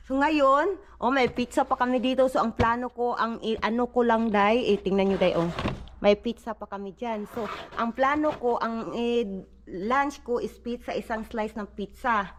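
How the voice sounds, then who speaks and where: A woman's voice: on the high side, normal speed, slight background noise. A woman from the Philippines, chatting casually in a home vlog as a mother, constantly addressing her viewers as "day" and "inday". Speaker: vlogger mother. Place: at home indoors.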